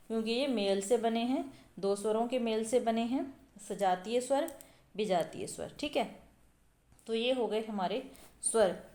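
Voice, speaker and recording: A woman's voice: a little high, darkish tone. Woman teaching in an echoey room. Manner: explanatory, repeats sounds aloud, many fillers. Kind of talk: exam-prep lesson.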